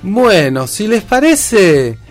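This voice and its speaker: A man with an Argentine accent hosting a casual radio show, relaxed and hesitant, with many fillers. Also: high-pitched, slow, soft background music. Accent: Argentine Spanish. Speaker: radio host.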